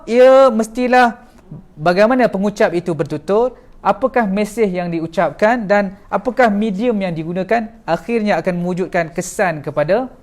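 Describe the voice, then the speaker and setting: Lively high-voiced Malaysian male lecturer. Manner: explains step by step and asks the audience questions. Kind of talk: classroom lecture.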